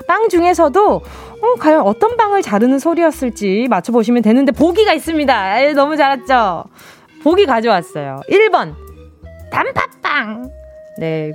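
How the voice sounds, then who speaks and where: A woman radio host with a high voice that leaps up and down. She chats casually and playfully, teasing her listeners with a bright, animated delivery.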